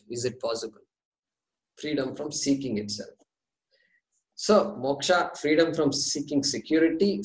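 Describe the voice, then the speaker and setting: Indian guy giving a spiritual lecture, voice a bit high, repeats stuff to make the point, pretty echoey room. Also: a little mellow. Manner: deliberate, repeats key phrases for emphasis. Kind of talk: religious discourse, explanatory teaching talk.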